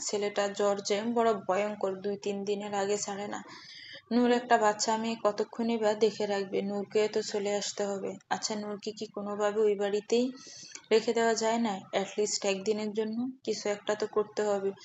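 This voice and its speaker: A woman storyteller in a steady, measured scripted audio-story narration. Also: medium pitch. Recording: slightly muffled with faint hiss.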